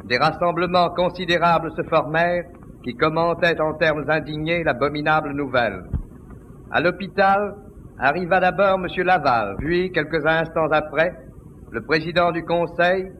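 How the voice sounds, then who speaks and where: A man's voice: fairly high pitch, moderate pace, dull audio, a little hiss or hum. A male announcer reading the news in a formal, declamatory way, heard on an old 1930s newsreel. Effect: old 1930s newsreel recording.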